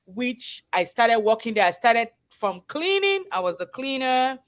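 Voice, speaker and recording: Her voice is fairly high, sing-song and unhurried as she tells her personal story in a live interview. She's a Cameroonian-accented chef and business owner appearing as a guest, earnest and conversational.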